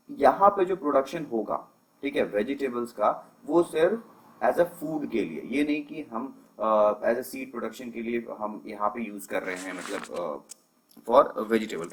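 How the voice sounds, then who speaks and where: A man's voice: mid-range voice, rough recording. A young man teaching an agriculture lecture over slides, explaining terms patiently and mixing English into his talk. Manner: explanatory, mixes English terms into Hindi, frequent fillers.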